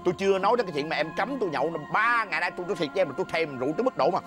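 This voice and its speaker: A man's voice: high voice, expressive, very fast, music in the background. A man with a Southern Vietnamese accent playing a blustering, stammering husband in a comedy skit.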